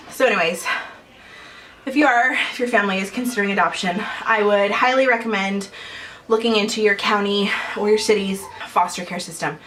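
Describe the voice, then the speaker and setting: A woman's voice: medium pitch, fairly quick, background noise. A young adult woman vlogging at home in casual chat to camera, chatty and rambling with frequent small laughs.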